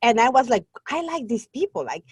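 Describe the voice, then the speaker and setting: A middle-aged Guatemalan woman, a native Spanish speaker with a Spanish accent, is a guest on an interview and works as an online Spanish teacher. Her voice sits on the high side and is very animated, a little fast, a little mellow and slightly rough, captured in a dry recording. She tells her story earnestly and talkatively, laughing easily.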